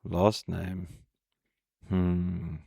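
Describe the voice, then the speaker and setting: A man voicing a terse, mysterious male hunter who talks in a low, muttering way. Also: monotone, extremely slow, creaky, dark tone, no room sound, clean studio sound, full character voice. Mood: gruff, curt.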